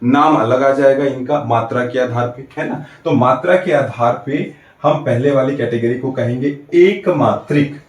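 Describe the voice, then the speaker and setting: A man's voice: medium pitch, measured pace, distant mic. Man teaching in a roomy, off-mic recording. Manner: explains step by step, asks rhetorical checks; draws out vowels to demonstrate. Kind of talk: exam-prep grammar lesson.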